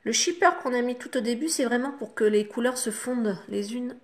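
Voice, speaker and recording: Une femme francophone au ton bavard, qui explique pas à pas son maquillage aux spectatrices avec beaucoup de « hop » et « voilà ». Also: female voice, fairly high pitch, brisk. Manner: chatty, talks the viewer through each step with fillers like "hop" and "voilà". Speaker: makeup vlogger. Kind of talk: casual makeup tutorial.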